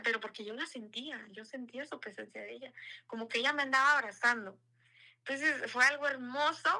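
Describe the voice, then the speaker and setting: A woman's voice: on the high side, gravelly, pushed and bright, low-quality recording. A woman giving an earnest, casual spoken testimony, repeating words for emphasis.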